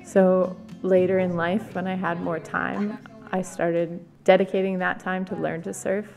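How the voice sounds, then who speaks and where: A young woman photographer narrating her trip in a relaxed, thoughtful voice-over. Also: on the low side, measured pace, gravelly. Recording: voice-over with loud guitar music behind.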